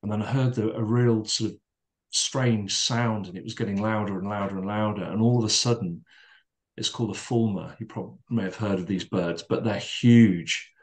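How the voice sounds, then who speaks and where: A middle-aged man talks in a calm, measured way as a podcast guest, his voice sitting a little low. He circles back on his words, with plenty of fillers, as he reflects. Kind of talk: reflective storytelling in conversation.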